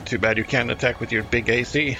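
A man's voice: medium pitch, fairly even intonation, fairly quick, sharp tone, faint music behind. A man bantering casually as a player in a tabletop game.

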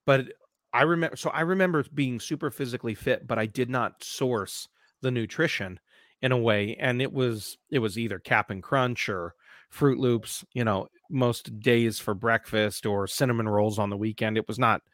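A man's voice: mid-range voice, moderate pace, fairly bright tone, dry recording, studio quality. A nasal-voiced man in his forties with a Midwestern accent, a gym coach telling stories on a casual podcast with emphatic energy. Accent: Midwestern American.

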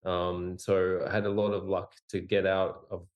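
On a lo-fi recording, a man with a deep voice and little pitch variation talks at normal speed. He's a forties-aged, Australian-born company founder brought up in Singapore and Hong Kong, a rambling, self-deprecating podcast guest in a casual conversational interview.

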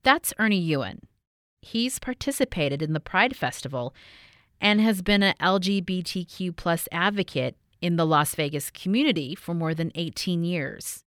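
A woman reporter reading a scripted radio news feature in a measured way. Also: on the low side, fairly bright tone, no echo, clean studio sound. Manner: measured, clearly read voice-over.

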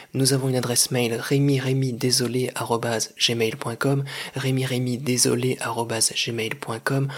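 Husky guy doing fake-serious radio host bits, deadpan, kinda pompous announcer tone. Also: mid-range voice. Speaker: podcast host and narrator. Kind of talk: mock-formal comic radio presenting.

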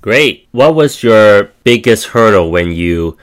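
A man hosting a podcast who reads a measured, announcer-like introduction and then puts questions to his guest. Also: fairly low pitch, lively intonation. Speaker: podcast host.

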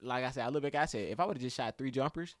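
A man's voice: medium pitch, quick pace, dry recording, studio quality. A young man telling a story in casual chat, full of slang and laughter, acting out what other people said. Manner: animated storytelling, acts out other people's lines; heavy slang, laughs often.

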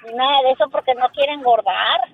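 A woman's voice: sits high, fairly quick, breathy edge. A woman in her fifties calling into a radio show, chatting candidly. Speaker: caller. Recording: tinny phone line.

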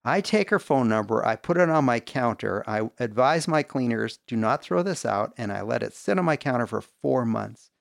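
A middle-aged man recounts his story with lively energy, now and then putting on the voices of people he quotes. His voice has a gravelly edge, and the room around him sounds dry and close. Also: medium pitch, normal speed, hardly any pauses, dry recording. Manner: animated, acts out quoted voices. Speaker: guest. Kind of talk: storytelling testimony.

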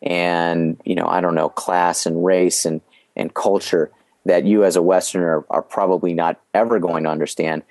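A very low-voiced man, a little mellow and level in tone, walks an interviewer through his business experience in podcast storytelling fashion. Measured and explanatory, he tends to restart phrases midway before finishing his point. The audio is close and dry.

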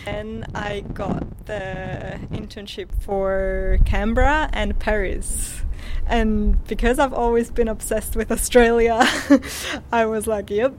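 A woman's voice: medium pitch, steady tone, slow pace, darkish tone, a little hiss or hum, low-quality recording. Chatty young woman raised in Switzerland. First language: Spanish and Swiss German. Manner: chatty, upbeat, laughs often, many "like" fillers. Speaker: podcast guest. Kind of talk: casual interview answers.

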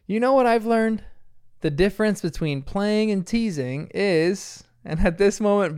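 A man's voice: a little high, gravelly, a little mellow, clean tone. A man casually recapping a cartoon episode, often laughing as he retells the scenes.

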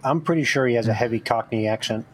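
Husky male player, dry joking delivery. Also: mid-range voice, quick pace. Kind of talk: casual tabletop game play.

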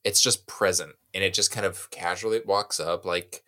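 Male podcast co-host, very deep voice, reflective and analytical. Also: steady tone, moderate pace, sharp tone. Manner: thoughtful, analytical. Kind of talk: casual film discussion.

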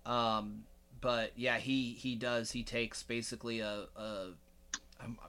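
A man's voice: mid-range voice, flat delivery, slow pace, pushed and bright, clear, resonant tone. A man hosting a podcast in casual chat, rambling with many fillers and restarts. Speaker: podcast host.

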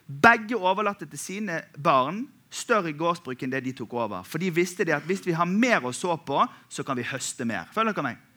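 A man in his thirties from Western Norway delivers a sermon with humor and a chatty, back-and-forth manner. His voice sits high and bright. He keeps pulling the congregation in as he goes. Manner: animated, humorous, conversational preaching with frequent "sant?". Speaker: pastor.

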